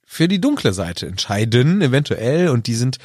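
A man co-hosting a podcast, with deadpan jokes and a lively, swinging pitch. The recording is dry and close, with no room echo. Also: moderate pace. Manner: dry joking, deadpan one-word replies. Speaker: podcast co-host. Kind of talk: casual chat.

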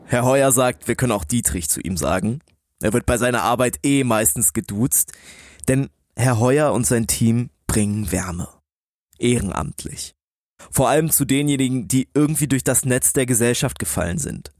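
A man's voice: mid-range voice, moderate pace, a little mellow, no room sound. Male podcast co-host, dry close sound. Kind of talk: conversational podcast storytelling.

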